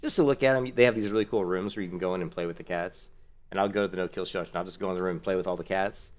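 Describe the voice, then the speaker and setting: This middle-aged streamer has a sore throat and a deep, steady voice, talking rapid-fire while he plays. He chats casually and rambles in a friendly manner, giving thanks to his viewers.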